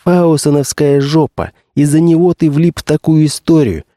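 A man's voice: a little high, fairly even intonation, moderate pace, warm tone, no echo, studio quality, pitched above the performer's own voice, close to an everyday voice. A man voicing a harsh woman gang boss. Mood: mocking. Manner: barking, contemptuous orders.

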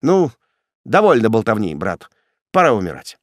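A man voicing a grim male executioner who talks down to his prisoner in a cold, sneering, gruff way. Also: lowish voice, wildly swooping pitch, moderate pace, no room sound, studio quality. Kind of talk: audiobook character voice.

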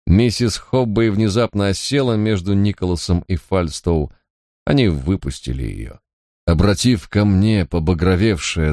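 A man narrating an audiobook in a measured, dramatic storytelling manner. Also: low voice, dark tone, no room sound, clean studio sound.

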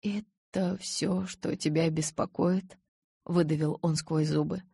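A woman's voice: fairly even intonation, moderate pace, creaky, darkish tone, slightly rough, no echo, full character voice. A woman reading an audiobook, voicing a brooding young male vampire who speaks in a cold, clipped way. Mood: strained. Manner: icy, clipped, low-spoken.

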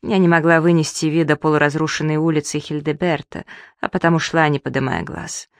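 A woman narrating an audiobook in the first person, reading in a soft, measured and emotional way. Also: sits low, steady tone, no room sound, clean studio sound.

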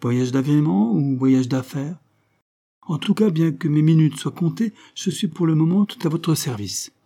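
A man reading the part of a haughty, hurried male deputy who is affectedly polite and dismissive. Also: fairly high pitch, animated, gravelly, warm tone, pitched above the performer's own voice. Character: haughty busy male deputy, Parisian cousin.

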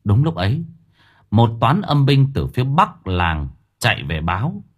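Guy reading a horror story, husky and lively, kinda lowish voice. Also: a little slow. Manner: dramatic, expressive storytelling. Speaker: audiobook narrator. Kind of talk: storytelling narration of a horror novel.

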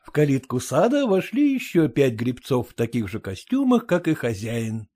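A man narrating a classic prose story in a measured storytelling manner. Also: mid-range voice, wildly swooping pitch, warm tone. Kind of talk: audiobook reading of classic prose.

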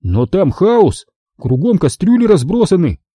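An earnest young apprentice, insistent and quick to interrupt, voiced by a male narrator. He is pitched above the narrator's own voice and sounds dry and close. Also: sing-song, warm tone, no room sound, full character voice. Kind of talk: audiobook reading.

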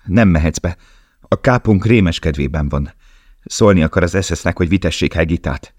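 A frightened young woman prisoner begs for help in an urgent, pleading voice, as a man reading a novel aloud puts her on. The reading voice stays very low. The recording is close and dry. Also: a little mellow, no room sound.

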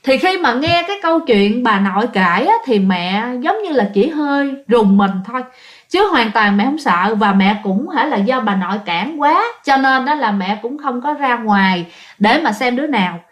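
A woman's voice: fairly high pitch, lively intonation, moderate pace. A woman narrating a ghost story, talking directly to listeners in a repetitive, conversational way.

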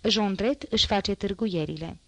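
A woman reading a classic novel aloud in an even, measured narration. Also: mid-range voice, vocal fry, no echo, low-quality recording. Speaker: audiobook reader.

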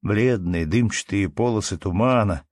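A man narrates a classic story as an audiobook at a slow, measured pace. His voice is deep. The recording is dry and close, with no room sound. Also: a little mellow, no room sound.

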